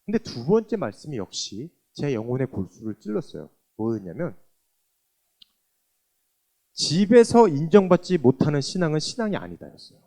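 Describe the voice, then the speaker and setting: A man's voice: a little high, normal speed. A man, a church deacon, giving a testimony and acting out remembered exchanges as he tells his story. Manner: animated, acts out remembered exchanges.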